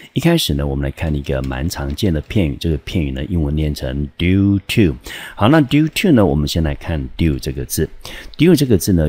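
A man teaching a high school English exam lesson, patiently explaining vocabulary and repeating key points for students. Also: a little mellow, slightly rough, no room sound.

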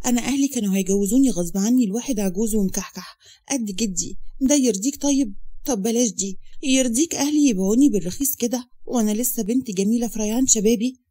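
A woman's voice: fairly high pitch, warm tone, lightly acted. A woman voicing a cheeky, dramatic young runaway woman with an Egyptian accent, teasing and pleading. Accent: Egyptian Arabic.

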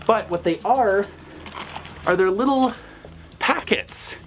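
A fursuiter vlogger gives casual advice from inside a costume head, with a medium-pitched voice that sounds muffled. They take it slowly and keep it chatty, with dry, sarcastic asides, over slight background noise.

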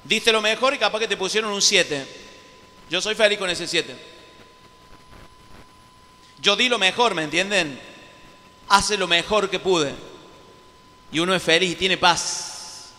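Argentine man, preacher, animated storytelling sermon, bright tense tone, hall echo. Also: sits high, a little slow, long pauses. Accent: Argentine Spanish. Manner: animated, acts out little scenes for the crowd. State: sore throat, sweating. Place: large church hall. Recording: live sermon with long hall reverb.

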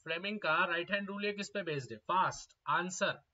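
A young man teaching a live exam-prep class, repeating each question and urging students to answer fast. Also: high voice, pushed and bright. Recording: slightly dull lo-fi audio.

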